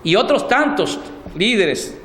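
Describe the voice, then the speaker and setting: Slow-speaking church elder, echoey hall. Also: male voice, sits high, very animated, a bit bright. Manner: slow, deliberate reading of scripture with explanations. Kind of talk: Bible study sermon.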